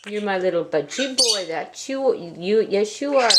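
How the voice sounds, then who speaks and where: A woman's voice: medium pitch, expressive, unhurried. A woman who owns pet birds, talking to them in affectionate, sing-song baby talk with short repeated phrases. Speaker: pet bird owner. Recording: very noisy home recording with bird chirps.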